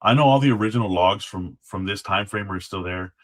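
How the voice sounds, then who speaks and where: A man from Texas, a former Alamo guard, chats as a guest in a casual interview, his voice lowish and fairly quick. He is polite and folksy, saying "sir" and "y'all," and often repeats words as he goes.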